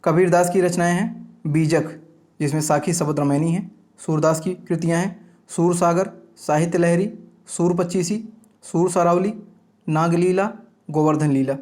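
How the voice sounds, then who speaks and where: A man with a fairly high voice teaching an exam-prep grammar lecture. He reads out example words in steady lists and often pauses to check that his students are following.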